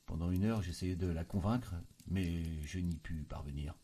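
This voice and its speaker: Husky low-voiced male storyteller. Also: moderate pace. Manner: dramatic, expressive reading. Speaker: audiobook reader. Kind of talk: first-person literary narration.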